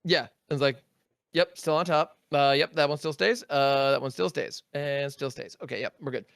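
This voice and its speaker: Man, smooth clear voice, slightly high, close and dry; methodical card-game player who counts aloud. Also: fairly even intonation, normal speed, a bit bright, no echo. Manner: methodical, counts aloud, sound-effect interjections. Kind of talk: casual play-by-play of his own turn.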